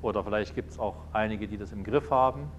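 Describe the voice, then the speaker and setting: A man's voice: fairly low pitch, a little fast, dull audio, slight background noise. A man giving a sermon, telling anecdotes and acting out little dialogues in changing voices. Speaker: preacher.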